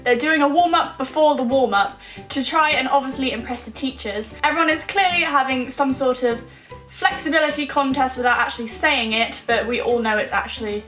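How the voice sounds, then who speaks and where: A young woman tells a self-deprecating story in a high, bright voice. She is animated and conversational, recorded in an echoey room with faint music. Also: brisk. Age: young adult. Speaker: vlogger. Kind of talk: comic personal storytelling to camera.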